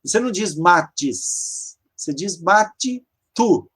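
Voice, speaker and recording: A Hebrew teacher giving an online grammar lesson. The teacher often stops to search for words and explains each step slowly. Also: mid-range voice, expressive, a bit bright, husky. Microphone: video call.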